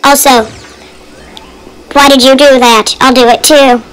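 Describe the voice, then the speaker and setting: A woman voicing a whiny girl friend, her recording sped up so it sounds higher and squeaky. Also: steady tone, a little slow, smooth, low-quality recording. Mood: whiny protest. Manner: loud, protesting, whiny. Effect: sped-up recording, pitched higher.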